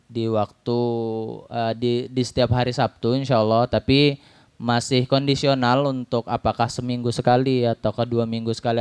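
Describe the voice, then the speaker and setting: A man's voice: mid-range voice, darkish tone, clean tone, dry recording. A man hosting a talk event, wrapping up with announcements and frequent hesitations. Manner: hesitant with fillers. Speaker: event host. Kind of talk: closing announcements.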